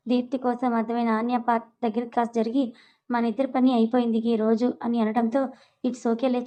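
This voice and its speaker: A woman's voice: on the high side, a little mellow, low-quality recording. A woman reading a serialized story aloud, voicing every character's lines in her own voice.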